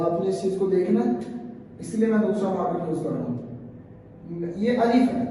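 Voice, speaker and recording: A man teaching a Quran reading lesson, patiently repeating each syllable slowly for learners. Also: high-pitched, mellow, slight background noise. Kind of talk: slow recitation lesson for children. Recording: echoey room heard from a distance.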